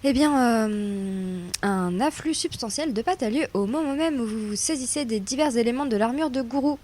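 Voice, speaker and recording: Woman game master, slightly high voice, mock-pompous storybook narration. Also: a little mellow. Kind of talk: narrating a comic tabletop game.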